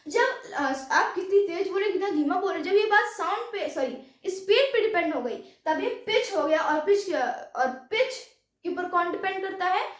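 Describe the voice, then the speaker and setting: A woman's voice: extremely high pitch, animated, moderate pace. A woman teaching a science class, explaining step by step in Hindi mixed with English terms and often asking if there are doubts. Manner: mixes English terms into Hindi, repeats checks like "any doubt". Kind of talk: classroom lecture. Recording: echoey room, voice from far off.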